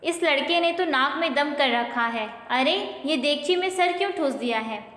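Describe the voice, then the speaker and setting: A woman's voice: sits high, lively intonation, moderate pace, a bit bright. A woman voicing a flustered, fretful young woman who cries out in distress over a stuck child. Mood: annoyed. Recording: roomy with long reverb.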